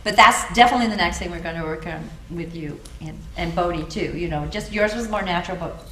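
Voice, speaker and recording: A woman drama teacher with a lowish, fairly bright voice talks fast as she gives encouraging, coaching feedback to acting students in a spoken class critique. The recording has a roomy echo and clear background noise.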